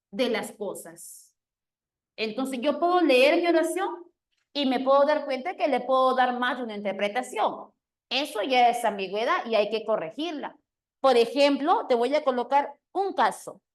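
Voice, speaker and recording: A teacher with a high voice leads an online exam-prep grammar lesson, walking her students through each step and pausing to make sure they're following.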